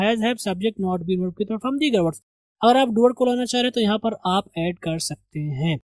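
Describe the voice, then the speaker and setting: A man with an Indian accent teaching English, repeating words slowly and carefully to drill their pronunciation. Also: sits high, dry recording, poor audio. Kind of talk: language lesson.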